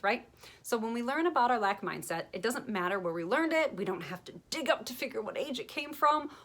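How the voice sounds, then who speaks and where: Woman, self-help coach, motivational talk to camera; lively, self-mocking, blunt, medium pitch. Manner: lively, laughs at herself, blunt asides.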